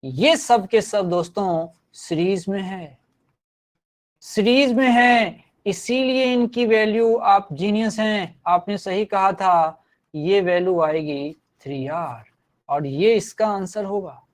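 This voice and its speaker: Slow-talking male physics teacher. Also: high-pitched. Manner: repeats phrases, encouraging. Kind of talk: live online class lecture.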